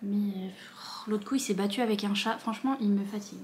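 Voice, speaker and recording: A young woman filming a casual book unboxing vlog at home, gushing with quick bursts of excitement and a bubbly, chatty manner. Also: a little hiss or hum. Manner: talks to her dog in a higher voice. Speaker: book vlogger.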